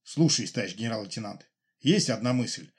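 Guy reading a chill major explaining stuff, steady and plain. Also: on the low side, breathy edge. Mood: calm. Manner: measured, explanatory. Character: calm male major, intelligence officer.

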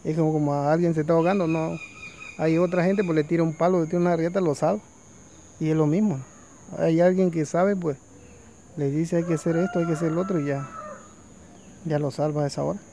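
Storyteller, male, casual oral telling, fairly high gravelly voice, faint crickets outside. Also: fairly even intonation, a little fast, pauses often, dark tone, slight background noise. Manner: conversational, full of fillers.

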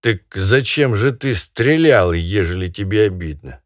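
A pompous country gentleman, voiced by a man reading aloud scolds and moralizes in a slow, drawn-out tone. His pitch swings widely as he preaches, and the sound is dry and close for a storybook reading. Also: expressive, no room sound. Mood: sanctimonious lecturing. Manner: sanctimonious, drawn-out lecturing.

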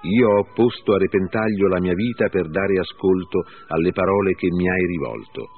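A man's voice: deep voice, normal speed. A man reading a frightened woman medium. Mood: wary. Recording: phone-like lo-fi with faint music.

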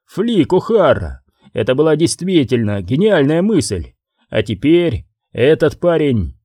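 A male audiobook reader voicing a furious middle-aged crime boss who shouts and bites off each word. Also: on the high side, very animated, a little slow, no echo, studio quality.

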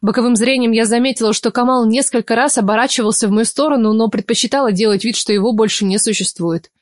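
A woman reads a first-person novel aloud, expressive and emotional. Her voice sits a little high and her delivery is animated. The recording is dry and close, with no room sound. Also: fast, dry recording. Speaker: audiobook narrator.

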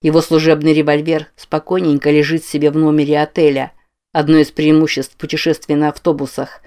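A man reading a novel aloud as an audiobook narrator, with measured scripted narration. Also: a little high, darkish tone, smooth.

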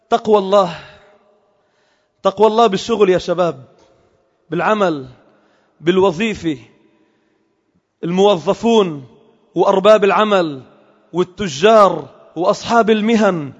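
A man giving an impassioned Friday sermon in a mosque, asking the crowd rhetorical questions and mixing formal and everyday speech. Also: sits high. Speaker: Friday preacher. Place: large mosque hall. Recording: lo-fi recording with long hall reverb.

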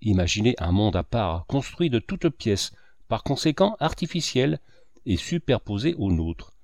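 Sardonic lecturing cynic from an audiobook, lively swooping delivery, dry close sound, read by a man. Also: mid-range voice, measured pace, no room sound. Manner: declamatory, sweeping and sardonic. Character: lecturing older male cynic, sardonic talker.

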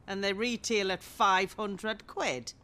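A woman's voice: medium pitch, fairly even intonation, slow pace, bright, forceful tone. A woman acting a nosy neighbour who fancies herself a detective, smug and theatrical. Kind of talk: sitcom acting.

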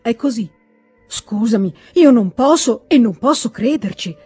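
Stiff cold official, firm and clipped, read by a mellow-voiced woman. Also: a little high, lively intonation, measured pace, breathy edge, faint music behind, voice pushed up, exaggerated voice. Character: cold formal middle-aged official husband.

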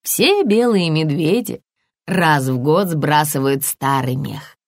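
Calm mama polar bear, slow and low, woman doing it, dry close mic. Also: dry recording, full character voice. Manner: slow, lowered, patient.

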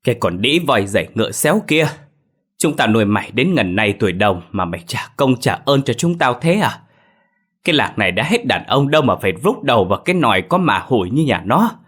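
A man's voice: low voice, moderate pace. A man voicing an anxious older mother who pleads and wails for her daughter. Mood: bitter. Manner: pleading, wailing.

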